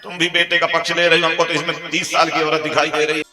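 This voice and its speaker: A man's voice: fairly high pitch, monotone, quick pace, sharp tone. A man voicing a wailing jealous young wife. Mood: wailing accusation. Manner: wailing, accusing. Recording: echoey hall, faint music.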